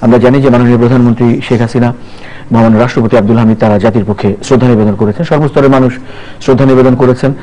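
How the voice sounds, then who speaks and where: A man's voice: mid-range voice, steady tone, racing, warm tone, poor audio. A man hosting a TV newspaper review show, introducing a guest in a formal broadcast manner with occasional brief fillers. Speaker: TV news review host.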